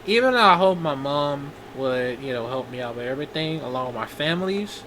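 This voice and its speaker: A man in his twenties talking in a personal video diary, halting and rambling with many restarts. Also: medium pitch, expressive, noisy background. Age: 20s. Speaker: vlogger.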